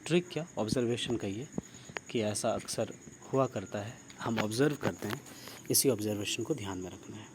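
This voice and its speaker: A man's voice: lowish voice, moderate pace. A man teaching an online grammar lesson, who asks his class questions, praises their answers and spells words out letter by letter. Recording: steady insect and cricket noise behind.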